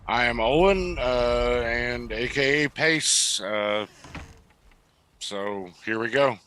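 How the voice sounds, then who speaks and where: A man's voice: mid-range voice, takes it slowly, pushed and bright, slight background noise. A man chatting as a returning stream guest, hesitant with many fillers. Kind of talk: casual chat.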